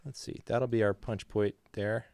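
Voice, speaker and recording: A man's voice: on the low side, steady tone, moderate pace, vocal fry, a little mellow, clear, resonant tone, dry recording. A man hosting a music livestream, chatting in an upbeat, playful way while he works in his studio. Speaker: livestream host and music producer. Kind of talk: casual livestream chat. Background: music playing.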